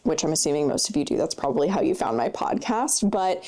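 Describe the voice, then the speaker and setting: A woman's voice: sits low, sing-song, fast talker, a little mellow. A woman in her twenties hosting a solo podcast, chatting in a casual, upbeat, rambling way with lots of fillers, sounding slightly congested. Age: 20s. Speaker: podcast host.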